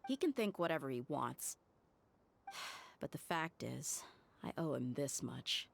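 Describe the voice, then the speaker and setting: A woman's voice: very deep voice, big pitch swings, measured pace, vocal fry, a little hiss or hum, exaggerated voice. An actress playing a tough, blunt, self-assured young female mercenary in a video game. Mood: resolved, weary.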